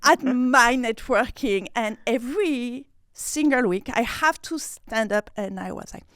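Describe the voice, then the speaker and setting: Woman, French accent, native French speaker, interview guest, fairly high voice, expressive, laughs loudly, dry close sound. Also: unhurried, smooth, dry recording. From France. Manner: expressive, breaks into loud laughs, repeats words while finding them. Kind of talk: casual interview talk.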